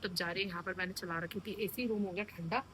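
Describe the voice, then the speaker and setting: A woman's voice: on the low side, steady tone, fast talker, fairly bright tone, a little hiss or hum. A young woman from the hills chatting casually to her viewers in a vlog, tired and talking like a friend. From Uttarakhand hills. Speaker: vlogger. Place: home, then outdoors in Delhi traffic.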